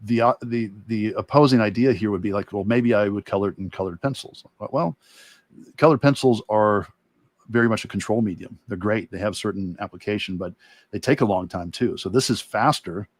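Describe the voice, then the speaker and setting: A man speaks fairly quickly at a fairly low pitch, recorded dry. As an illustrator demonstrating his process, he keeps up a casual, thinking-aloud commentary of broken asides.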